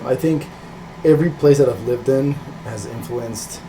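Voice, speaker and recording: With background noise behind him, a Peruvian-born illustrator who later moved to California talks about himself in an interview. The middle-aged man is casual and hesitant, thinking aloud, in a mid-range voice at a moderate pace.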